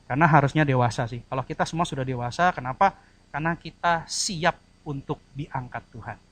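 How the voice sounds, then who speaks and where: A man's voice: fairly high pitch, brisk, fairly bright tone, no echo. A man preaching a church sermon, addressing the congregation directly and acting out short quoted voices. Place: church service.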